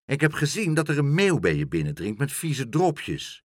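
A man's voice: mid-range voice, wildly swooping pitch, no room sound, clean studio sound, pitched above the performer's own voice. Bossy fussy mother, as a man puts her on. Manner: bossy and brisk. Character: strict fussy mother, middle-aged woman.

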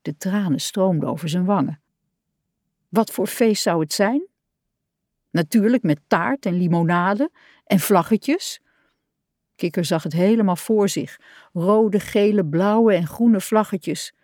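A woman reading a children's storybook aloud in an expressive, warm way. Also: mid-range voice, slow pace, long pauses, dry recording, studio quality. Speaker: audiobook reader.

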